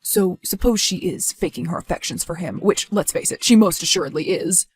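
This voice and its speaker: A woman playing a supportive, inquisitive male partner in a scripted story, low-key and dry. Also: brisk, slightly rough, rough recording. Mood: dryly inquisitive.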